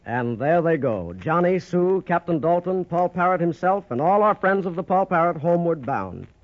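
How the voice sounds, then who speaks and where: A man's voice: on the high side, very animated, normal speed. Male announcer on an old radio show. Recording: dull, dry old radio broadcast recording.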